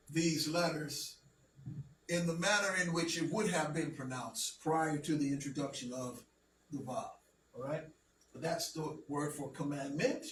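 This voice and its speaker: A man leads a classroom lesson in a high, slow, deliberate voice, pausing often to check that his students follow. He is recorded from a distance in an echoey room with a faint hum of noise behind him. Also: a bit bright. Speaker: teacher.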